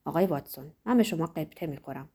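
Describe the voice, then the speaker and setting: A measured, ironic older man in authority lectures the young, voiced by a woman reading a novel aloud. The voice sits lower than her narration and stays husky and warm, with lively rises and falls as he explains. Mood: reflective. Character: stern older male world controller, ironic.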